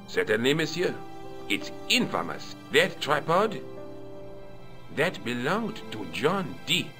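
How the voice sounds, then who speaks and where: Fussy, theatrical museum custodian for an adventure game; high and very animated. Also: male voice, takes it slowly, music in the background. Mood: haughty. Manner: haughty, theatrical, self-important. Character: pompous fussy French male museum deputy custodian. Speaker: museum guard character. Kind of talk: video game voice acting.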